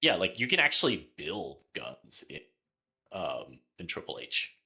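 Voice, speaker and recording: Deep-voiced joking guy on a gaming stream, crisp bright tone. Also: huge pitch swings, a little slow. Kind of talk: casual gaming stream chat.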